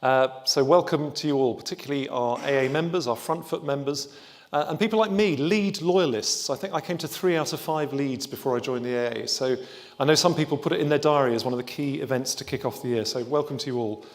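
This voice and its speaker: A man's voice: medium pitch, brisk. A man, a trade body's chief executive, giving an upbeat welcome speech to open a conference, with a few restarts. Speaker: trade body chief executive opening a summit.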